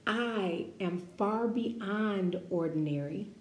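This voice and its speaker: A woman leads children's story time, reading a picture book with asides to her young listeners. Her voice is mellow and medium-pitched, her pace slow and deliberate with weight on key words, and her manner encouraging and expressive. The room echoes, with faint background noise.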